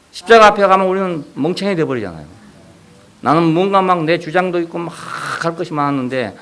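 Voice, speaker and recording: A Gyeongsang-accented male pastor preaching with a slightly high voice and a lively, swinging intonation. He keeps throwing rhetorical questions at the congregation and acts out the voices he quotes. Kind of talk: sermon.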